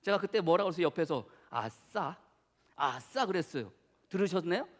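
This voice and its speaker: A man preaching a sermon as pastor, telling stories playfully, asking the congregation questions, swinging from loud exclaiming to hushed whispers. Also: a little high, lively intonation, moderate pace, big-room sound. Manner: playful, self-mocking, asks the congregation questions. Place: church sanctuary.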